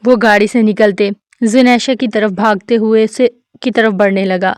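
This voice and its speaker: Woman narrator, smooth clear voice, dry close sound, steady novel reading. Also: mid-range voice, no room sound. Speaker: novel reader. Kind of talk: scripted narration of a romance novel.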